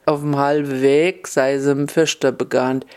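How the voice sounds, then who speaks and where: A man's voice: mid-range voice, flat delivery, a little slow, clear, resonant tone. A man reading a fairy tale aloud, telling it in a folksy way with dialect words. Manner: folksy, mixes dialect into the narration. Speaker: storyteller.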